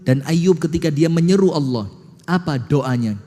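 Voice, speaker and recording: A man preaching a sermon, telling a story rhetorical questions to the audience and slowly chanting verses. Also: on the high side, expressive, dark tone, big-room sound.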